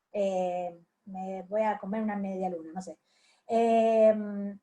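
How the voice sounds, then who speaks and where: Fairly high-voiced Rioplatense woman lecturing. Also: a little mellow. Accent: Rioplatense Spanish. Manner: hesitant, many fillers and restarts. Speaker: university lecturer. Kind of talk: online class feedback.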